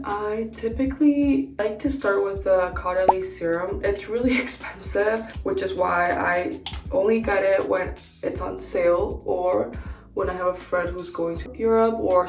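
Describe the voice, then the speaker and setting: Young woman with a gravelly, roomy voice. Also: mid-range voice, a little slow, darkish tone. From Peru. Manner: chatty and candid, frequent "like" fillers. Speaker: beauty vlogger. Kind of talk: casual chat during a makeup tutorial. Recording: roomy, distant mic with background music.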